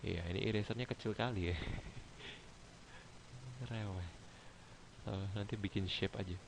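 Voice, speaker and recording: A man with a somewhat low voice runs an online grammar class, patient and methodical. He talks the students through each point in turn and keeps asking whether they follow. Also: steady tone, measured pace, creaky, a little hiss or hum, poor audio. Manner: patient, explains step by step, asks students to check understanding. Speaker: English grammar tutor.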